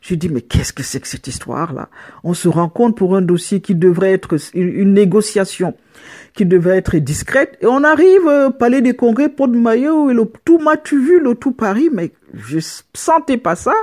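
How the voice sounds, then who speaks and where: A middle-aged woman recounts a personal story in a casual, animated way. She stumbles and restarts often, and her pitch leaps when she mimics what others said. Her voice sits at an ordinary pitch for a woman. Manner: animated, voicing others' words in quick pitch jumps, many restarts. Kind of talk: casual spoken account.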